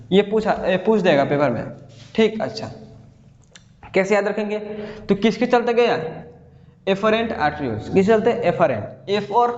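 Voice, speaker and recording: Male science teacher, high voice, keeps checking if students follow; roomy, dull-sounding recording. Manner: repeats questions and checks understanding often. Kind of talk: explaining a school science lesson. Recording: dull roomy audio with reverb.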